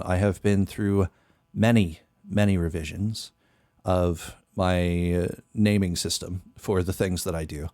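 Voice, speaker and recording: This very deep-voiced young man is a music producer chatting casually on a live stream from a small bedroom studio. The sound is clean and dry, coming through a boom-arm studio mic with headphones on, and his darkish tone meanders as he thinks aloud full of fillers.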